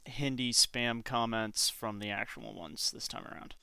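A man hosting a casual podcast, with a bright, clear voice in a dry, close room. He rambles and jokes, restarting his sentences often. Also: mid-range voice, steady tone, unhurried, no echo. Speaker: podcast host.

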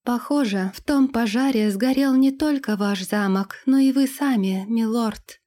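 A woman's voice: on the high side, unhurried, mellow, lightly acted. A proud young noblewoman in a storybook, scornful and cutting, her voice lifted as a woman reader puts her on. She speaks with cold, biting contempt.

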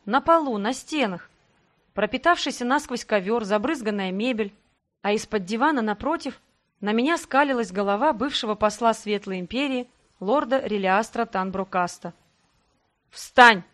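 Female audiobook narrator, dramatic first-person reading, slightly high voice. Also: lively intonation, moderate pace.

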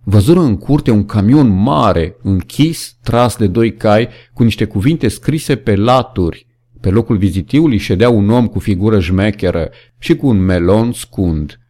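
A man's voice: lowish voice, expressive, warm tone. A man reading a novel aloud as an audiobook narrator, with dramatic storytelling. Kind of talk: scripted narration.

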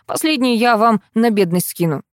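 A woman voicing a brash, crafty male loader who haggles in rough slang. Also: fairly high pitch, expressive, moderate pace, dry recording, clean studio sound, voice pushed up, close to an everyday voice. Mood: cocky.

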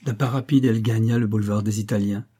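A man narrating an audiobook in a measured, steady reading. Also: on the low side, husky. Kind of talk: scripted narration.

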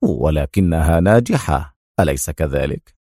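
Man doing a calm, ironic male agent. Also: moderate pace, no room sound, studio quality. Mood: wry calm. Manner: calm, low and wryly teasing.

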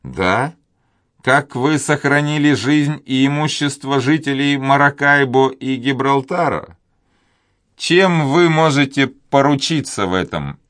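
A man voicing a gloomy, dying old governor who speaks slowly and with contempt. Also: medium pitch, a bit bright, no echo, studio quality, pitched above the performer's own voice, close to an everyday voice. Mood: contemptuous. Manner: slow, contemptuous, laboured.

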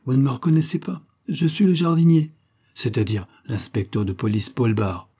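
A man playing a calm, determined police inspector in a read-aloud detective story. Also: medium pitch, normal speed, breathy edge. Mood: confiding. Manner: firm, reassuring.

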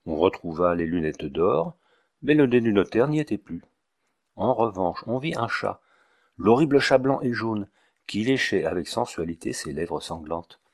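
A man narrating an audiobook of a classic novel in a measured, literary storytelling way. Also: on the low side, animated, darkish tone.

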